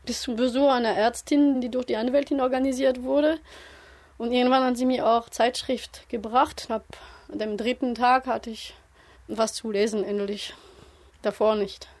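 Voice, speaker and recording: A woman's voice: a little high, steady tone, darkish tone. Hesitant woman recounting an ordeal. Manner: hesitant, halting speech. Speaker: interviewee. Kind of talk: recounting a personal experience.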